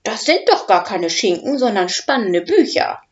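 A woman's voice: medium pitch, sing-song, normal speed, muffled recording, natural voice. A woman doing an eager young dragon boy. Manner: eager, protesting.

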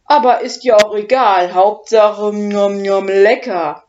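A big hungry dragon booms out loud and gruff, as a woman reads him aloud. He is grumpy and smacks his lips, slow and unhurried. The storybook recording sounds slightly muffled. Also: steady tone, natural voice. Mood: gruff, booming.

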